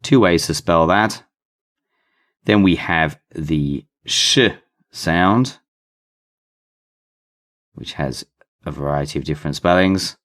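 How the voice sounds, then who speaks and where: A man's voice: deep voice, slow pace, long pauses, a bit bright. A man teaching an English phonics lesson, spelling out letters and sounding out blends with careful emphasis on each keyword. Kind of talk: slow, deliberate phonics lesson.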